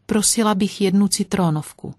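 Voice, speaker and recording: A woman's voice: medium pitch, darkish tone, no room sound, studio quality, close to an everyday voice. A woman voicing a stern, thrifty village mother in an audiobook, with a prim, scolding manner. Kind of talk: audiobook storytelling.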